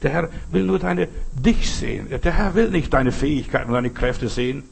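A man preaching a devotional sermon, pleading with the listener through slow, repeated rhetorical questions. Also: medium pitch, lively intonation, vocal fry, a little hiss or hum.

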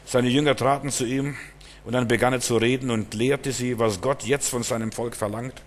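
A man's voice: mid-range voice, fairly even intonation, moderate pace, long reverb tail, a little hiss or hum. A man preaching a sermon, retelling a story with many fillers and repeated words.

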